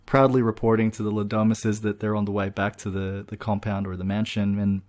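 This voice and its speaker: A man's voice: on the low side, flat delivery, brisk, darkish tone. A man co-hosting a podcast, casually walking through a film's plot at length and peppering his talk with "you know" and "look". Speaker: podcast co-host. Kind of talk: casual film discussion.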